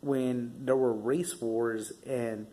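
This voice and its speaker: The recording is rough. A young vlogger from Southern California, his mid-range voice steady, slow and warm, tells stories casually, rambling with lots of swearing and fillers in a street-talk style.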